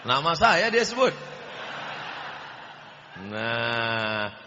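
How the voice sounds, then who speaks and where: A man preaching a lively, joking sermon in a mosque, speaking loudly and booming into a microphone. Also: drawn-out words, in a large hall, muffled recording, noisy background. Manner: loud, booming delivery. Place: large mosque with overflow crowd outside.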